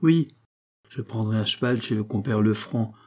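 A man reading aloud as a gruff, bossy farmer who talks in loud, blustering bursts. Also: on the low side, normal speed, close to an everyday voice.

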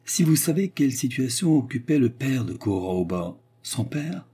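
A man's voice: medium pitch, very animated, normal speed, warm tone, slightly rough, pitched above the performer's own voice. A man voicing a haughty, sanctimonious aristocratic lady who talks with indignant emphasis. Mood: probing.

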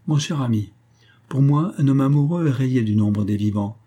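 A man reading an audiobook voices a calm, indifferent young society woman who speaks lightly and teasingly. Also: mid-range voice, moderate pace, natural voice. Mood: detached.

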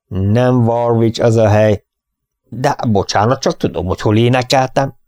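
A man's voice: medium pitch, dark tone, no room sound, clean studio sound, natural voice. A man reading an audiobook, voicing a vain, fussy stage actor who is theatrical and self-pitying.

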